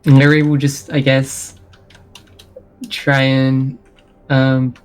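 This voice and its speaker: A man with an average-pitched voice plays in a tabletop role-playing game. He talks casually, with wry and exasperated banter. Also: monotone, extremely slow, clear, resonant tone.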